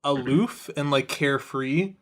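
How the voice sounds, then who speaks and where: A man's voice: mid-range voice, a little slow, a bit bright. A young man co-hosting a podcast, chatty and teasing, swearing casually. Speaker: podcast co-host.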